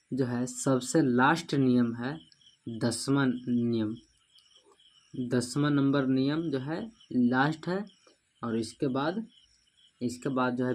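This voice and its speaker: A man teaching a grammar lesson, repeating each rule and spelling words out syllable by syllable, often checking in with "okay?". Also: mid-range voice. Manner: repeats rules, asks "ठीक है ना" often.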